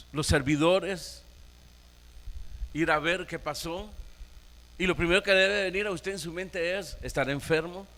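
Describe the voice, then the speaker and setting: A Nicaraguan pastor preaching a sermon, emphatic, firing rhetorical questions at the congregation. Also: male voice, fairly high pitch, fairly bright tone, big-room sound.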